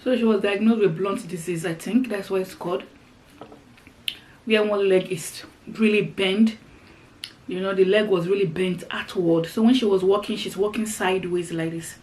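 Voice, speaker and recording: A middle-aged woman talks casually to her viewers as she has a meal on camera. Her voice sits at an ordinary pitch, and she explains things conversationally, circling back over phrases. There is noticeable noise behind her. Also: steady tone, moderate pace, a little mellow. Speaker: mukbang vlogger. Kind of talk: casual chat to viewers while eating. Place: indoors, seated on the floor.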